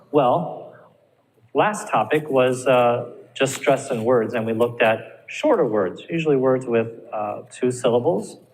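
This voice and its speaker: Encouraging male ESL teacher, reverberant room. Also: mid-range voice. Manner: encouraging, checks in with frequent "all right?". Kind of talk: recorded classroom lecture. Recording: reverberant room with faint ambient noise.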